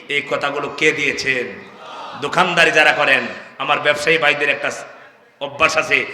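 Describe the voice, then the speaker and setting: Fiery bright-voiced man preaching in a hall. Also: fairly high pitch. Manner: fiery call-and-response preaching, shouting to the crowd. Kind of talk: sermon. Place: large outdoor religious gathering. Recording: echoey hall with long reverb.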